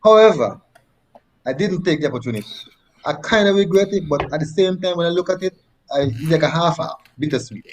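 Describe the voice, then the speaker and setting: A man's voice: a little high, expressive, a little fast, a little hiss or hum, low-quality recording. A man from Nevis with a Nevisian Caribbean accent, telling personal stories conversationally and repeating phrases for emphasis. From Nevis, Saint Kitts and Nevis. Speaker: interview guest, former track athlete.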